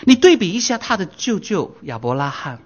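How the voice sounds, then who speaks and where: A man in his sixties preaching a Bible sermon, his voice surging high and loud for emphasis and slipping in English phrases. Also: big pitch swings, normal speed. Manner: drops English phrases into Mandarin. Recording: dull lo-fi recording.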